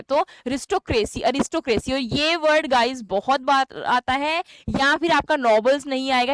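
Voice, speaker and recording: Teaching an English exam-prep class, a young Indian woman talks in a chatty style and often answers her own questions. Her voice is high-pitched, with no room sound.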